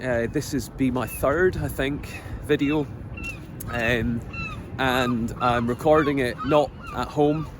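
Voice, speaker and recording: Outdoor noise and passing cars surround a middle-aged Scottish man as he vlogs from a coastline. In a steady, mid-range voice, he reflects earnestly and slowly, hesitating often and saying um while he gathers his thoughts.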